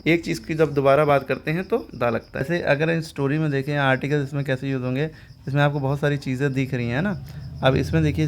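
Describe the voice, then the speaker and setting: A man teaching English grammar in Hindi. He explains each point step by step, keeps asking if it is clear, and reads the English example sentences slowly. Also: mid-range voice. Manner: explains step by step, often checks understanding with questions.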